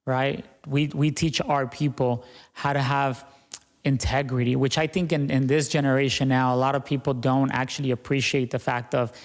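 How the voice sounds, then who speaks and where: A young man who owns a business appears as a guest on a podcast interview, speaking earnestly and repeatedly tacking "right?" and "you know" onto his points. His mid-range voice has a flat delivery at normal speed, with a big-room sound.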